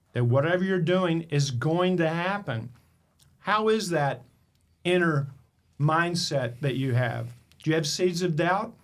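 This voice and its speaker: A man hosting a motivational podcast, his voice sitting a little higher than most men's. He tells personal stories with emphasis and keeps firing rhetorical questions at the listener. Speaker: podcast host. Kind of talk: motivational storytelling.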